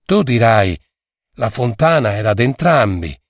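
A man's voice: mid-range voice, very animated, a little slow, dry recording, studio quality. A man playing a boastful bearded rancher of about fifty who tells his story emphatically. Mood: confiding.

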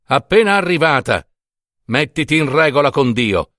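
A man reading the lines of a solemn male angel who announces a coming death in a grave, measured way. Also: on the high side, very animated, fairly bright tone, no echo, studio quality.

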